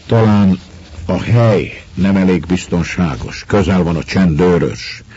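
A man's voice: deep voice, a little mellow, dull audio, a little hiss or hum, lightly acted. A man reading aloud as a shrewd older outlaw who asks wary, probing questions.

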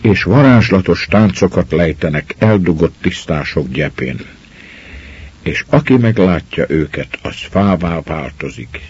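Low raspy guy narrating a story, pitch moves a lot, muffled lo-fi recording. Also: expressive, darkish tone.

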